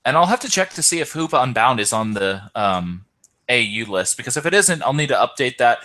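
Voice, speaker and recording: A man's voice: medium pitch, sing-song, brisk, sharp tone. A tired man hosting and commentating an online game tournament, hesitant, with many ums and self-corrections. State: tired, yawning.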